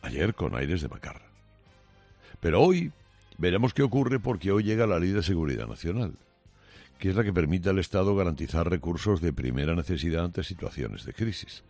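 A very deep, gravelly male radio host, delivering a combative morning opinion monologue. His delivery swings widely in pitch, sarcastic and biting, full of pauses and restarts. Faint music sits behind him. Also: animated, darkish tone, dry recording.

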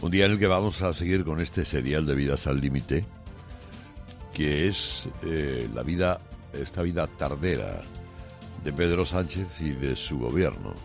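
Gravelly, very deep man giving a combative monologue. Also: animated, soft background music. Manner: combative, sarcastic, with many pauses and restarts. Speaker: radio host. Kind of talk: opinion monologue.

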